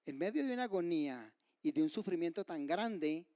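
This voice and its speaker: A man preaching a sermon, asking his listeners rhetorical questions and swinging from loud outbursts to hushed whispers. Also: fairly high pitch, expressive, fairly quick, no room sound, clean studio sound. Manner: asks the congregation rhetorical questions. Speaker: pastor.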